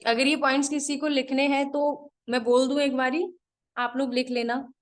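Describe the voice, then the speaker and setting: A woman trainer teaching a live online class, giving direct instructions and repeating her points slowly so students can write them down. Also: high-pitched, level tone.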